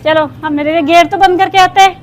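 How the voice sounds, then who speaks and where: High-voiced chatty woman vlogger. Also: steady tone, fast. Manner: chatty, rambling storytelling. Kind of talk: casual vlog chat to viewers.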